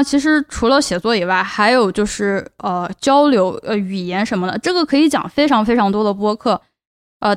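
A young woman from Chongqing, China, giving earnest advice in a casual solo podcast and repeating words for emphasis. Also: on the high side. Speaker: podcast host.

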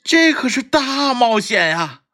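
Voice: medium pitch, slow pace, soft background music, pitched above the performer's own voice. A storyteller voicing an eager, bossy little animal friend in a children's story. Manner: excited, loud calls.

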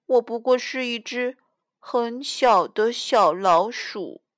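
A woman reading a children's picture book aloud in the first person as a little mouse, slow, gentle and expressive, recorded close up. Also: on the high side, dry recording. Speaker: storyteller mother.

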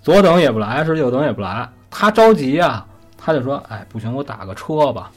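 A man's voice: mid-range voice, sing-song, fairly quick, soft background music. A man telling a story in a chatty, conversational way, often asking the listener questions. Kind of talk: casual spoken storytelling.

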